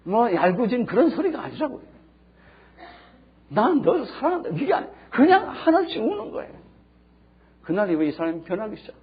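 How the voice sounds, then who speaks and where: A man preaching a sermon, telling stories with emphasis and swinging between hushed and loud. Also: high-pitched, sing-song, fast, slightly rough. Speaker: pastor. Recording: dull lo-fi sermon recording.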